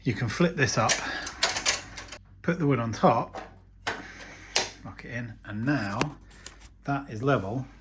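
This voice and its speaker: A man's voice: mid-range voice, animated, slow pace, long pauses, noisy background. A man talking casually to camera as a DIY vlogger, chatty and self-deprecating.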